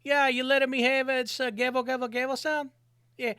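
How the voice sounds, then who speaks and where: A man putting on a high, bright, excitable character who rants in broken English. The voice is smooth and crisp, recorded close and dry. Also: a little fast, no room sound. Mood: eager. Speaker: host. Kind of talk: comedy sketch.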